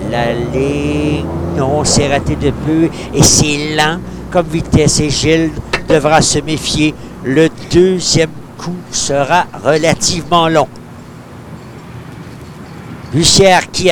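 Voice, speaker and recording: A man with a Quebec French accent giving live golf-style play-by-play of mini-putt as a sports commentator, in a noisy older TV broadcast. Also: high-pitched. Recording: clearly noisy early-1990s TV broadcast.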